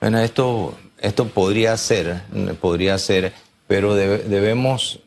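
A man's voice: on the low side, measured pace, a little hiss or hum. A man speaking as a doctor in an interview, explaining emphatically and repeating key phrases.

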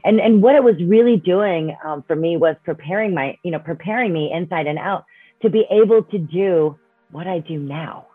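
A coach and speaker in her fifties chats upbeat as an interview guest, frequently adding "right?" and "you know" to her sentences. Her lowish, husky voice moves at normal speed over a dry, tinny, phone-like line with faint music behind.

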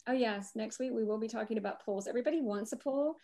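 A woman's voice: a little high, mellow. Southern woman, podcast co-host, chatty and loose. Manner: chatty, rambling, quick to laugh. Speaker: real estate podcast co-host. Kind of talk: casual live podcast chat.

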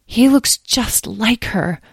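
A woman's voice: medium pitch, very animated, measured pace, darkish tone, no room sound, pitched above the performer's own voice. A woman voicing a young dragon expert who speaks in a gushing, breathless way. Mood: eager, soft.

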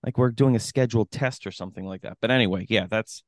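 A man's voice: lowish voice, quick pace, no room sound, clean studio sound. A man co-hosting a casual podcast as a running coach, talking emphatically and often laughing as he makes his points. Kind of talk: casual chat.

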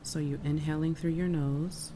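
A woman's voice: low voice, steady tone, moderate pace, dark tone, a little hiss or hum. A woman leading a guided meditation, giving soothing breath-by-breath instructions over music. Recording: music bed under the voice.

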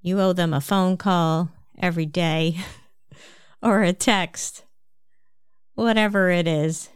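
A woman with a New Jersey accent giving a calm, measured self-help talk, explaining things step by step. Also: fairly low pitch, smooth, dry recording, clean studio sound.

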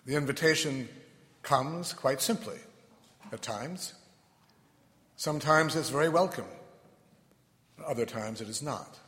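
A man preaching a reflective homily in short, deliberate phrases with pauses, his voice echoing in a large church. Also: mid-range voice, fairly bright tone. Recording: long echoing church reverb.

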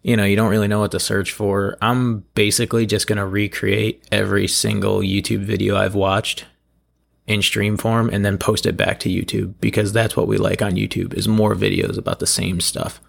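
A man with a hoarse, gravelly voice talks casually as a solo podcast host, rambling loosely in a self-deprecating way. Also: fairly low pitch, level tone, normal speed. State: hoarse from allergies. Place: at home, in a room below a bathroom.

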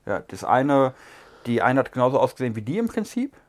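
A man, co-hosting a casual cigar review chat, relaxed and musing with fillers. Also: medium pitch, a little fast. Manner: relaxed, chatty, muses with fillers. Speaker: podcast co-host.

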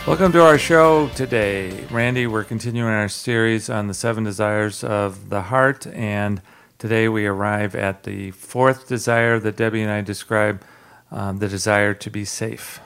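A man with a low, gravelly voice hosts a radio talk program. He talks in a loose, unhurried way, full of fillers, with a hint of a Southern drawl. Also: faint music behind. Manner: relaxed, many "uh" fillers, jokes about his southern drawl. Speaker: radio show host.

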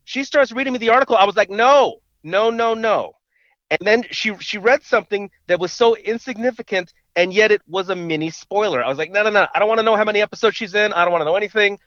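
A man's voice: high-pitched, fast, a bit bright, no room sound. A man co-hosting a podcast over a phone call, chatting casually and often repeating his first words. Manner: stammers and repeats words at starts. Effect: heard over a phone call. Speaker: podcast co-host. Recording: dull, muffled phone line.

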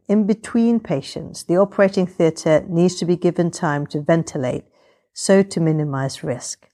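A woman explaining things in a measured, orderly and fairly formal way, as a surgeon narrating a vlog. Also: sits low, dark tone. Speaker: breast surgeon and vlogger.

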